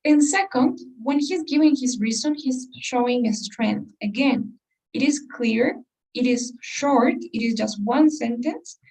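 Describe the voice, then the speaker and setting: A woman's voice: on the high side, unhurried, gravelly, darkish tone, distant mic, rough recording. A woman teaching an English test-prep class, explaining step by step and putting questions to her students. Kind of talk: class lesson.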